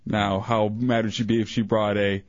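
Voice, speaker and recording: A man's voice: fairly low pitch, flat delivery, moderate pace, no room sound. A man co-hosting a talk radio show, teasing and sarcastic, throwing in jokes. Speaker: radio co-host. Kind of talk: casual talk radio banter. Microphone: studio broadcast mic. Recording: dull lo-fi radio broadcast.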